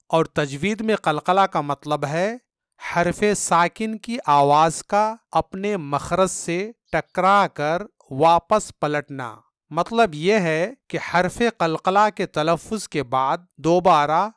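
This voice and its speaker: A man's voice: on the high side, fairly bright tone, clean tone, no room sound, clean studio sound. A male Quran reading teacher giving a patient, step-by-step lesson and repeating sounds for learners to copy.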